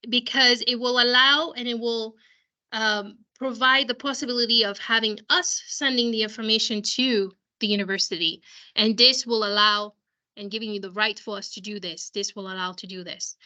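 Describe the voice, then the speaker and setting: Over a video call, a school counselor whose voice is going walks parents through some software, explaining as she goes and frequently restarting her sentences. Her pitch is a little high, her tone steady, and her speed normal.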